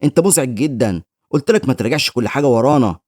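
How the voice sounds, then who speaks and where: A man's voice: medium pitch, expressive, racing, darkish tone, dry recording, clean studio sound, natural voice. A man voicing a cruel, sneering male guild leader in a recap with an Egyptian Arabic accent, mocking in tone.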